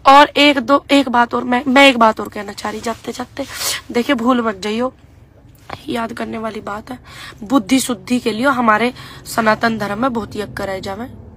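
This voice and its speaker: A young woman with a high voice talks straight to her followers, half scolding and half teasing. Her tone is bright and sharp. She mixes sarcastic jabs with mock-earnest requests in homely village phrasing. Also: fairly even intonation, normal speed, slight background noise. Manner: sarcastic, mocking and pleading by turns; folksy, rural turns of speech. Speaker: political vlogger. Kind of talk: casual political commentary to followers.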